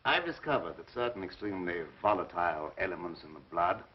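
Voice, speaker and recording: An actor playing a grandiose, resentful mad scientist in an old horror film, speaking formally and theatrically with menacing politeness. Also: male voice, sits low, sing-song, fast talker, breathy edge, exaggerated voice. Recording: muffled old film soundtrack.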